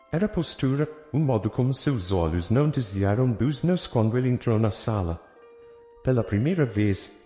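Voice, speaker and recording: Narrador masculino de história, voz suave e grave, lê com entonação bem variada em sala com eco e violão ao fundo. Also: male voice, mid-range voice. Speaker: storyteller. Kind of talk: scripted first-person narration. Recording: roomy reverb with soft guitar music. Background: soft guitar music.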